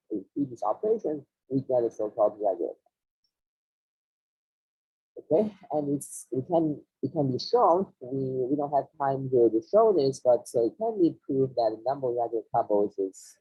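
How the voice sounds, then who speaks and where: A man giving a technical math lecture over a video call, his voice muffled as if heard through a wall, talking haltingly with many restarts and fillers. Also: medium pitch, slightly rough. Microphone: laptop microphone on a video call.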